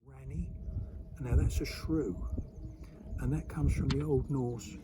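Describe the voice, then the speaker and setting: A man's voice: mid-range voice, steady tone, slow, very noisy. A man with an East Anglian Suffolk accent giving an informal, emphatic explanatory talk on dialect as a colloquial expert.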